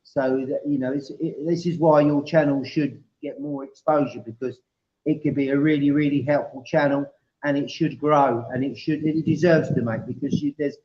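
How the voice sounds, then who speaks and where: Bloke co-hosting a stream, rambly and matey, roomy echo, muffled sound. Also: male voice, fairly high pitch, steady tone, normal speed. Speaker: co-host. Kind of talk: casual chat.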